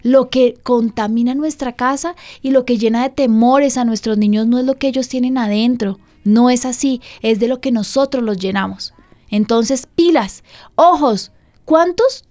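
Woman pastor-host, earnest and pleading, slightly high voice. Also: moderate pace, darkish tone.

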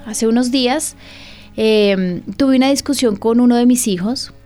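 Woman, pastor, radio host, fairly high voice, candid testimony, conversational. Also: measured pace, mellow, soft background music. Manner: candid, conversational, asks listeners direct questions.

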